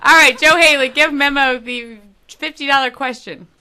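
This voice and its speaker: A woman's voice: high voice, fairly even intonation, normal speed, background noise. A woman hosting a casual morning radio show, laughing often and teasing her callers.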